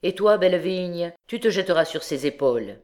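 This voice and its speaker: A woman's voice: fairly low pitch, animated, moderate pace, darkish tone, lightly acted. A woman voicing a brutal, mocking male king of thieves in an audiobook, bellowing his commands. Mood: commanding.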